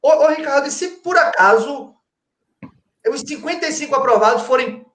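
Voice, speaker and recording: His voice is very high, expressive and a bit bright, moving at a normal speed. This Pernambuco-born guest, a forensic crime-scene expert, teaches conversationally with rhetorical questions and repeated "tá?" check-ins, all in an echoing, roomy space.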